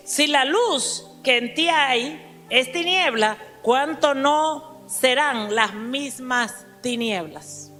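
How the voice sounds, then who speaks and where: A high, bright woman's voice preaching with emphatic force, calling out to the congregation and slowing down to spell out words. She is recorded on a stage microphone in a church hall, with a long reverb tail and faint music underneath. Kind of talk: sermon.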